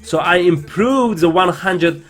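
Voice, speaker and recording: A man from China with a non-native English accent, narrating a personal vlog in an earnest, deliberate way. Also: sits high. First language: not English. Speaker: vlogger. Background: background music.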